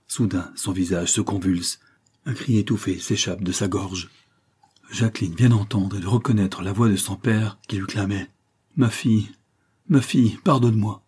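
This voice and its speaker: A man narrating a novel as an audiobook in a measured, dramatic way. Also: fairly low pitch, dark tone, slightly rough.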